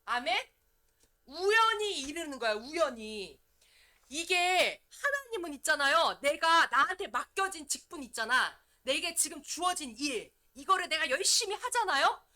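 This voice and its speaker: A woman evangelist preaching in a church, in a lively, conversational way. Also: high-pitched, unhurried. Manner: lively, conversational preaching, often acting out prayers. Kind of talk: sermon. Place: church sanctuary.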